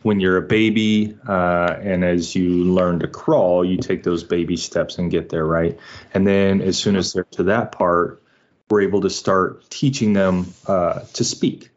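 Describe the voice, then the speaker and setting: A man in his forties, a homeschooling father, explaining methodically in an interview, checking in with "right?" and filling pauses with "uh". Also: low-pitched, fairly even intonation. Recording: muffled lo-fi audio.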